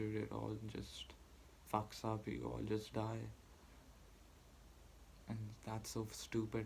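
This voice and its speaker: A man delivering a heated, profane personal rant, halting and restarting as he argues. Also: lowish voice, vocal fry, mellow, slight background noise, poor audio. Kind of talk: angry personal rant to camera.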